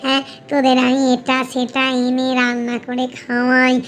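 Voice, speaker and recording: A woman's voice: sits high, monotone, normal speed, slight background noise, lightly acted. A woman voicing a fussy middle-aged female ghost with a toothache in a cartoon. She sounds whiny and bossy, and she bargains to get her way. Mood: wheedling. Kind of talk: cartoon voice acting.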